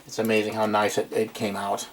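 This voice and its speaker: A fairly low-pitched middle-aged man talks fairly quickly in a completely flat delivery while giving an offhand, unscripted demo of his electronics restoration hobby at a workbench. It's a noisy amateur camcorder recording, taken with a camera microphone a short distance away in a small room.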